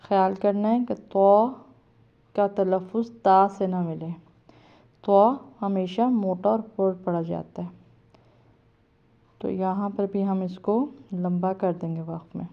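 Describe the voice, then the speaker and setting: A woman with a Pakistani Urdu accent teaching Quran reading, spelling out letter sounds slowly and then explaining the rules quickly. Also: medium pitch, fairly even intonation, creaky, dull audio. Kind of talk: step-by-step spelling lesson.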